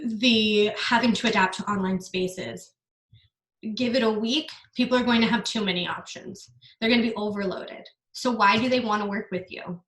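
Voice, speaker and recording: A young woman giving a casual online business masterclass, earnest and energetic, now and then swearing. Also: mid-range voice, roomy sound, low-quality recording.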